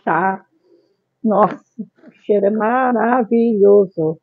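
A middle-aged woman with a Brazilian accent hosting a casual product review vlog, announcing her phrases deliberately, on a phone-like recording. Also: medium pitch, husky, dry recording. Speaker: YouTube channel host. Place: small tiled room at home, indoors. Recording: phone-like, band-limited sound.

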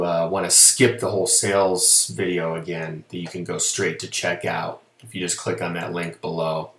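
Low-voiced guy rambling a product review at his desk cam, lots of ums, roomy echo. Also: creaky. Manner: relaxed, chatty, many fillers and restarts. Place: small indoor room. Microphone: webcam at desk. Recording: echoey room.

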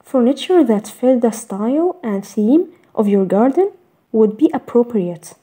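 Slow, dark-toned woman narrator. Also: fairly high pitch, husky. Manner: measured, even list-reading delivery. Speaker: narrator of a garden design slideshow. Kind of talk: scripted voice-over narration.

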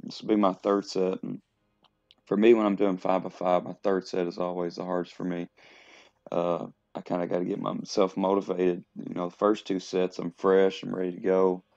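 A man vlogging at the gym, explaining his training between sets in a plain, halting way with lots of fillers. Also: deep voice, completely flat delivery, creaky, mellow, dry recording, highs cut off. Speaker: fitness vlogger. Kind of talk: casual talk to camera between lifting sets.

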